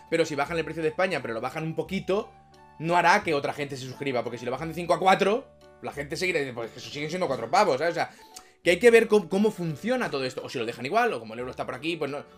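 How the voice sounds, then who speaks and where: A man's voice: a little high, fairly bright tone. A man from Spain with a Spain Spanish accent, chatting casually to his viewers, swearing a lot and laughing at his own jokes. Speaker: video creator and streamer. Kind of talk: casual talk to camera.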